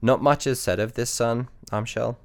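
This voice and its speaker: A man's voice: medium pitch, normal speed. A man co-hosting a podcast, casually telling a history story with frequent ums and restarts. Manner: relaxed, hesitant, many ums and restarts.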